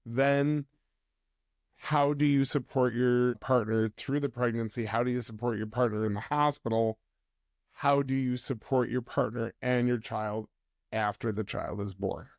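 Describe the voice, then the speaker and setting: A man speaking as a mental health counsellor guest on a podcast, explaining in a measured way. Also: medium pitch, steady tone, no room sound, clean studio sound. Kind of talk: podcast interview conversation.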